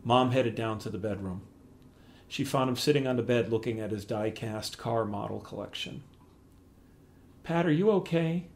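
A middle-aged man reads aloud from a memoir he wrote. His voice sits a bit low for a man, and he tells the story in a plain, measured way. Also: fairly even intonation, vocal fry, slight background noise. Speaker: author reading his memoir. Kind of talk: memoir reading.

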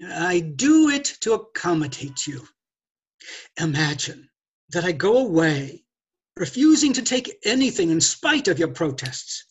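An older man playing a glib, haughty gentleman thief in a stage play read over a video call, lecturing with theatrical condescension. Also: sits high, big pitch swings, a little slow, slightly rough, exaggerated voice. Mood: smooth condescension. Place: indoors, curtained room.

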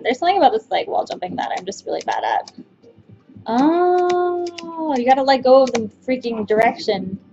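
A woman's voice: mid-range voice, a little mellow. A young woman doing casual let's play commentary as the host, playfully self-deprecating, exclaiming and muttering as she plays. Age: young adult. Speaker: gamer host. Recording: slightly dull sound.

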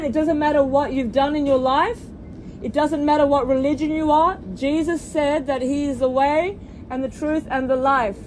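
A woman preaching fervently to passengers inside a moving train, with repeated hallelujahs and direct appeals, recorded on a phone. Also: low-quality recording. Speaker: street preacher. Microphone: phone camera held by the preacher. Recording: phone audio with loud train noise. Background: train rumble.

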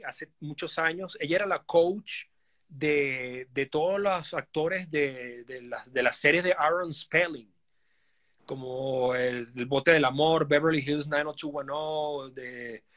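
A Venezuelan man in his forties joins a live video call from his living room as a guest on a casual live-stream interview. His voice sits on the high side and sounds a bit bright, and he talks casually with plenty of fillers and restarts.

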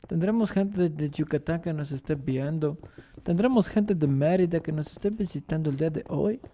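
A man's voice: a little high, warm tone, a little hiss or hum. A man with a Mexican accent casually commenting while playing a game, playful and rambling, often throwing questions to his viewers. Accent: Mexican Spanish. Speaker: gaming streamer.

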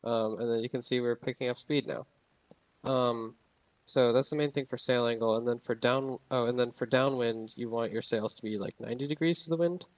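Explaining how sailing works in a game, this young narrator rambles casually, full of fillers and false starts. He has a mid-range voice with a steady tone and a brisk pace, and there's no echo.

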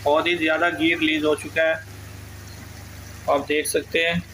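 A man's voice: a little high, little pitch movement, normal speed, pushed and bright, slight background noise, poor audio. A man hosts a cooking channel and explains a recipe step by step. He speaks to his viewers as friends. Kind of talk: cooking tutorial. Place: home kitchen.

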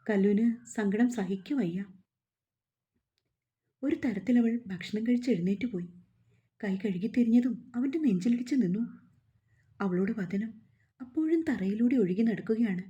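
A woman reading a serialized family story aloud in a calm, even storytelling manner. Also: fairly high pitch, normal speed, highs cut off. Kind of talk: scripted story narration.

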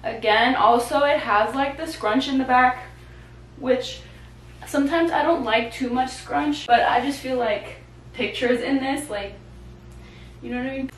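In a home vlog filmed in her bedroom and living room, a young woman in her twenties chats casually and cheerfully. Her high-pitched voice is a little slow, and the camera mic across the room gives a roomy, poor-quality sound with a little hiss or hum.

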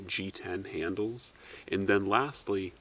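A man's voice: sits low, slow pace, slightly rough. A man giving a casual knife review in an easygoing, rambling way. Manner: relaxed, talks in loose run-on phrases.

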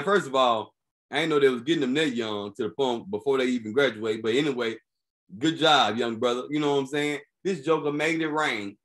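Slangy, animated male podcast host. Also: on the high side. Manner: animated, slangy, keeps asking "you feel me". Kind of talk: casual comedic commentary.

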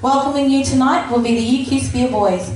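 A woman delivers a plane cabin announcement as a mock captain, reading formally from a script in a slightly high voice. The sound comes through a heavily echoing hall PA from a distance, with clear noise behind. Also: fairly quick, darkish tone. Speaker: mock airline captain at a student event. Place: large hall at a live event. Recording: echoey hall PA, far off, noisy.

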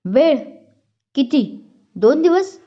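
A woman's voice: medium pitch, moderate pace, dark tone, lightly acted. A woman voicing a stern, angry male police superior who scolds and makes impatient demands. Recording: dull lo-fi recording.

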